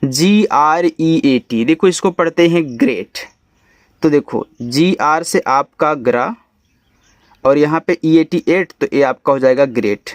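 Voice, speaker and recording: Slow-spelling Hindi-accented male teacher, dry sound. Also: a little high, no room sound. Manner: spells words letter by letter slowly, then explains. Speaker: English teacher. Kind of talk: spelling and reading lesson.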